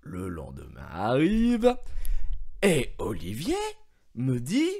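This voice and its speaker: A male streamer telling a story to his viewers in an expressive way, swinging from mumbling to shouting and swearing, on a headset mic. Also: mid-range voice, slow, creaky. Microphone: gaming headset.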